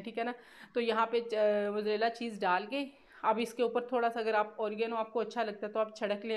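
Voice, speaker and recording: In a relaxed cooking voice-over, a woman vlogger with a Pakistani accent walks through the steps, using repeated filler phrases. Her voice sits on the high side.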